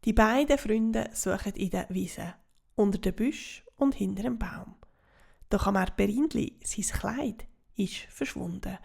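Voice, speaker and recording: A woman with a Swiss German accent reading a children's story aloud in a soft, half-whispered way. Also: medium pitch, unhurried, gravelly, breathy edge.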